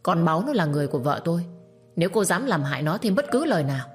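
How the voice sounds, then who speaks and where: A woman's voice: fairly low pitch, big pitch swings, very fast, faint music behind. A woman voicing a stern young man, master of a household, speaking curtly and with scorn. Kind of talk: storytelling with acted dialogue.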